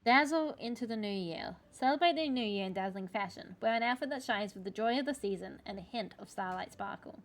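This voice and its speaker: A woman's voice: medium pitch, animated, fairly quick, hardly any pauses. An Australian woman doing casual livestream commentary while she plays a game. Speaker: livestreamer, VTuber. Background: music.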